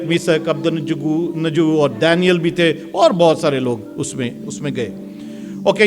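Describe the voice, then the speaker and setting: A man preaching a sermon in a strained, very high register, pushing his voice loud and forceful from the pulpit. His words ring out with a long hall reverb. Soft music plays behind him. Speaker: pastor. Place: church hall.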